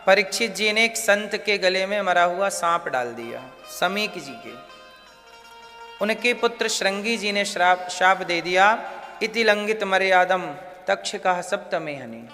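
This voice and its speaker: High-voiced Hindi preacher in a large hall. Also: male voice, expressive, pushed and bright. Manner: slow, questioning the audience and answering himself. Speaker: religious storyteller. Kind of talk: devotional sermon to a live audience. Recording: long hall reverb with faint music.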